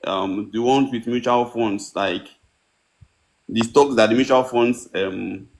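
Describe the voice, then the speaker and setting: A man's voice: mid-range voice, slow pace, a little hiss or hum, low-quality recording. A man calling in to an investment show, speaking hesitantly and trailing off as he explains his uncertainty. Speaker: caller. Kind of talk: call-in question.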